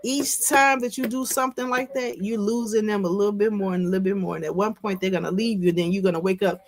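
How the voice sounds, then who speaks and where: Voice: mid-range voice, fairly even intonation, fast talker. Frank conversational podcast voice. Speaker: podcast co-host. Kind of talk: casual podcast chat.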